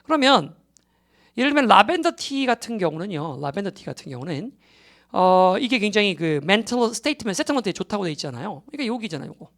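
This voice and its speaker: A man's voice: sits high, very animated, fast talker, a bit bright. A man giving a recorded exam-prep English lecture. He explains step by step, keeps checking that students follow, and drops English terms into his Korean.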